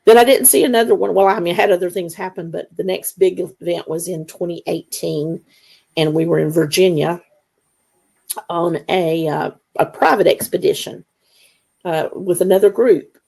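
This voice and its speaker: A woman guest on an interview show, telling her story in a casual, animated way and acting out the dialogue. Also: on the low side, normal speed, vocal fry, slightly rough. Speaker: guest, Bigfoot investigator.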